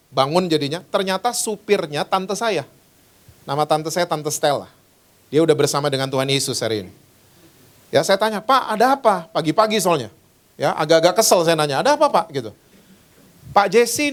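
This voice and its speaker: A male pastor in his fifties preaching a sermon in church, telling a personal story and acting out the voices in it. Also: a little high. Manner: storytelling, animated, acts out voices in quotes.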